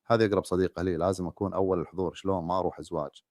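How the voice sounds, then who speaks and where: A long-suffering young wife , voiced by a man who speaks softly and pleadingly. The voice sits low and moves very fast. The recording is dry and close. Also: fairly even intonation, dry recording.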